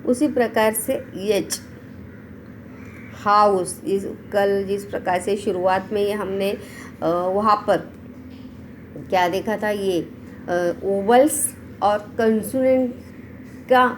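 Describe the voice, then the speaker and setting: Woman teacher, unhurried, going word by word through vocab lists, faint hiss. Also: mid-range voice, fairly even intonation, poor audio. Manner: reads word lists aloud one by one, explaining in between. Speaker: English teacher. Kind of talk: slow online vocabulary lesson.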